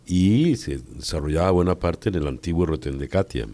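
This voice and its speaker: A man with an extremely deep voice hosts a radio talk show. His intonation rises and falls in a lively way as he asks playful, rambling questions. He keeps the tone casual and conversational. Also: moderate pace. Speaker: radio host.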